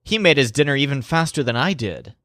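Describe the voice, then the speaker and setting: A man voicing an excitable man in a mnemonic story, speaking up in a raised, exclaiming voice. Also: medium pitch, a little fast, dry recording, clean studio sound, lightly acted. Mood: amazed. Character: excitable man cooking in a fantasy restaurant.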